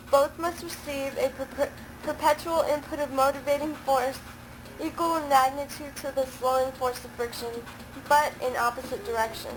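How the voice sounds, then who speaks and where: A woman's voice: high-pitched, low-quality recording. A woman reciting a scripted science explainer in formal wording, recorded as amateur camcorder audio. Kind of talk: scripted narration of a physics explainer. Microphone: camcorder microphone. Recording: amateur camcorder audio with clear background noise. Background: ambient noise.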